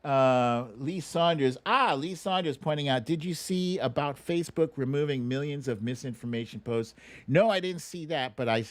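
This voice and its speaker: A middle-aged American man with a medium-pitched voice hosts a casual livestream, with no room sound in the recording. He is informal and opinionated, often repeating words for emphasis.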